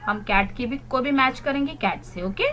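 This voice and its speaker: A woman's voice: sits high, animated, moderate pace, fairly bright tone. A woman teaching young children, explaining in Hindi and spelling words out letter by letter. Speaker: primary school English teacher. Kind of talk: recorded online class lesson.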